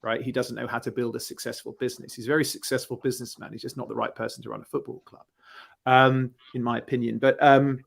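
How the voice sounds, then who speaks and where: A man's voice: mid-range voice, flat delivery, fast talker, creaky. A man in a casual football discussion, talking as a fan panellist, emphatic and thinking aloud with rhetorical questions.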